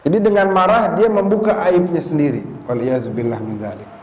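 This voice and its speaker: A man's voice: fairly high pitch, a little fast. A man giving a storytelling sermon at a mosque study session, acting out characters and quoting Arabic. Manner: lively storyteller, acts out quoted characters, quotes Arabic. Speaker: religious teacher. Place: mosque hall. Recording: echoey hall with faint ambience.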